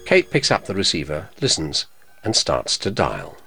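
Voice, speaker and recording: A man narrating an audio description in a measured, neutral manner. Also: deep voice, huge pitch swings, vocal fry, bright, forceful tone. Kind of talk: scripted narration.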